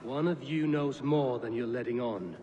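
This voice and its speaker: Casting: man playing a stoic Viking chief in a game, even and measured, mid-pitched, reverb tail. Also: highs cut off, natural voice. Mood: steady. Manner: calm, measured, matter-of-fact. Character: Norse raider leader, grim and steady. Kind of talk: video game dialogue.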